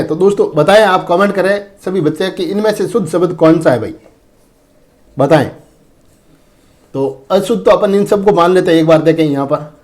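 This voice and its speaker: High-voiced teacher. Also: male voice, darkish tone. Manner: repetitive, addresses viewers as friends and brother, often says "dekhen". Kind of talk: exam-prep lesson on Hindi spelling.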